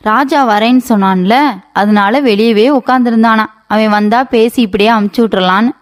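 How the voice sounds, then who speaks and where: Woman narrating a folksy cartoon tale. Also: fairly high pitch. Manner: folksy, storytelling. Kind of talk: storybook narration.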